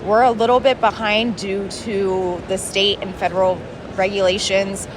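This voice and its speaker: A woman's voice: medium pitch, little pitch movement, moderate pace. A young adult woman giving casual, loosely hedged interview answers at a conference event. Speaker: grad student interviewee. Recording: clear background noise of event.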